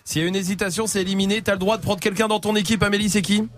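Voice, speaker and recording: A man's voice: sits high, steady tone, rapid-fire. A man hosting a radio show, upbeat and joking as he runs a word game with a caller and his co-hosts in the studio. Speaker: radio host.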